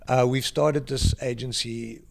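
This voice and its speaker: This is a middle-aged South African man sitting in a library for an interview. His voice carries a gravelly, creaky texture at a middling pitch. He speaks with a South African accent, trips over his openings and then lands points with bursts of emphasis. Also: fairly even intonation. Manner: halting, restarts phrases, bursts of emphasis. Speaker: guest, creative director. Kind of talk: casual interview chat.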